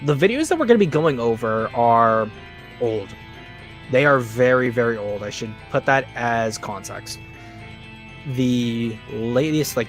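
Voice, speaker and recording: A man hosting a casual streamed podcast, rambling and talking in fillers and restarts. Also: medium pitch. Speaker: podcast host.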